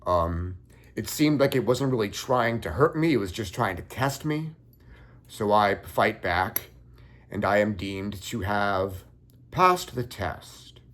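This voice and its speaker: A young man calmly recounting a dream in a measured first-person story. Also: on the low side. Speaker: occult content creator.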